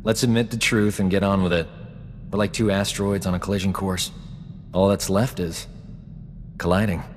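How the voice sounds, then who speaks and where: Actor as cocky, low-voiced space doctor, reverberant. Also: male voice, steady tone, moderate pace, a little hiss or hum, close to an everyday voice. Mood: flirtatious, teasing. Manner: smug, flirtatious, self-assured banter. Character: cocky, flirtatious male frontier doctor, smooth-talking adventurer. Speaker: video game companion character. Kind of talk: video game voice acting. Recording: long hall reverb, game music underneath.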